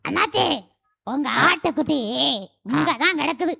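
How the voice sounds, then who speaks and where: A woman's voice: high voice, moderate pace, creaky, sharp tone, exaggerated voice. A woman voicing a kind crow in a puppet show who caws and offers help. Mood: helpful. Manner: plaintive then eager, cawing. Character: kind, helpful crow, gloomy about having two legs.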